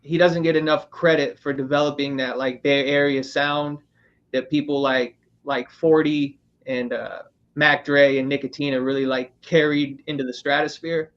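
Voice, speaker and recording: A man's voice: a little high, little pitch movement, normal speed, highs cut off. A man hosting a casual roundtable podcast, talking loosely with lots of fillers, from Northern California. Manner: loose, rambling, filler-heavy. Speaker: podcast host.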